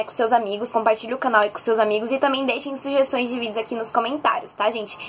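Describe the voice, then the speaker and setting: Woman, bright high voice, bubbly animated storyteller, casual bedroom vlog. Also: a little hiss or hum. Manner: chatty and excitable, animated storytelling. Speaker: vlogger. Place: bedroom at home.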